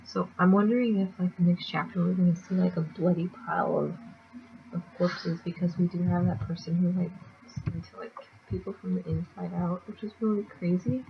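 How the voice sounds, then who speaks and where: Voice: mid-range voice, steady tone, brisk, gravelly, highs cut off, a little hiss or hum. A speaker casually recapping a comic chapter in a rambling way, with lots of fillers and restarts. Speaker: manga chapter reviewer.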